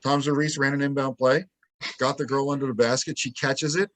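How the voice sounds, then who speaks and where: Male co-host, lively storyteller, casual game breakdown, mid-range voice. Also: medium pitch, fairly quick. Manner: animated storytelling, acts out quotes. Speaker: podcast co-host. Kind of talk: casual sports talk.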